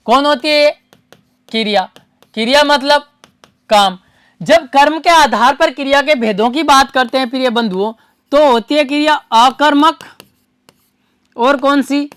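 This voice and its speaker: A woman with a high, slightly bright voice teaches an exam-prep grammar lesson at a measured pace with long pauses, posing questions to the class, answering them herself, and repeating key terms. There is no echo.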